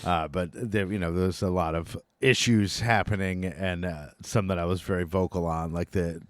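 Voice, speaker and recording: A man from the United States hosting a casual interview, laid-back and quick to laugh, filling his speech with "like" and "you know". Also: sits low, steady tone, no echo. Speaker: podcast host.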